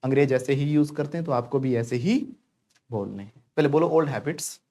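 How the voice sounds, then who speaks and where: This man speaks in a mid-range, mellow voice at a moderate pace. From India, he teaches a class spoken English in Hindi, cracking jokes and urging students to repeat English phrases after him.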